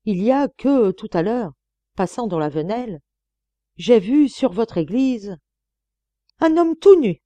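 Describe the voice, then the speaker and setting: A woman reading an audiobook and voicing a spiteful, intolerant nun who speaks in a shrill, scandalized, hissing way. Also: sing-song, normal speed, warm tone, no echo. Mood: urgent.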